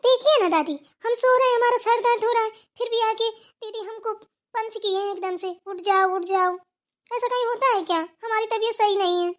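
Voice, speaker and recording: A woman's voice: very high-pitched, fairly even intonation, normal speed, a bit bright, pitched above the performer's own voice. Whiny lazy young daughter-in-law, voiced by a woman. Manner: whiny, defiant. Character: lazy spoiled young daughter-in-law who refuses to get up.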